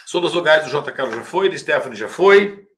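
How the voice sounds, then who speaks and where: A man with a Brazilian Portuguese accent teaching English in a relaxed live Q&A, answering viewers' questions and saying example phrases slowly and carefully. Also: on the high side. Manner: casual, chatty, reads viewer questions aloud. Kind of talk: live-stream Q&A lesson.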